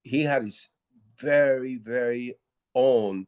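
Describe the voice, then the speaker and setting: In a casual interview, an older musician from Puerto Rico shares stories with many halting restarts. His voice is low with a darkish, clean tone, and there's no echo.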